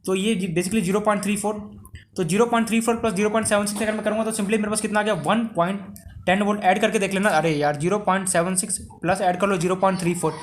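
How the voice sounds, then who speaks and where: Rapid-fire young Indian chemistry tutor. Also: male voice, high-pitched, fairly even intonation, a little hiss or hum. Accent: Indian Hindi. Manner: rapid, talks in one breath, asks and answers himself. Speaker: chemistry teacher. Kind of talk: fast explanatory lesson.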